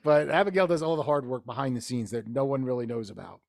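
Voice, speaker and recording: A man's voice: medium pitch, fast talker, vocal fry, dry recording, clean studio sound. A man co-hosting a casual podcast, joking about himself and rambling a little as he talks. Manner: self-deprecating, jokey, rambling. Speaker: podcast co-host.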